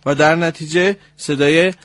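A man hosting a radio program, calmly correcting a caller's recitation and demonstrating sounds. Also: medium pitch, dry recording. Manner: explains points slowly, demonstrates sounds. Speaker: radio host and Quran recitation teacher. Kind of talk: instructional radio talk.

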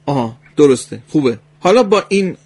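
A man's voice: a little high, sing-song, a little mellow, slightly rough, no room sound. A man hosting a live call-in radio lesson, patiently and politely coaching a caller's Quran recitation by drilling single sounds.

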